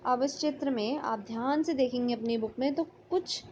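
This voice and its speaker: Woman teacher going slow over letters, kinda higher voice, faint hum behind. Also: darkish tone. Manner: slow, patient, sounding out letters. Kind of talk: online class lesson. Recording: slightly dull lo-fi audio.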